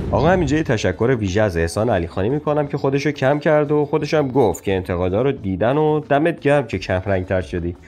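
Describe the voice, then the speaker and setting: A man's voice: medium pitch, a little mellow. A man giving a casual, opinionated spoken review as the channel's host. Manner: opinionated, chatty critique. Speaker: show reviewer.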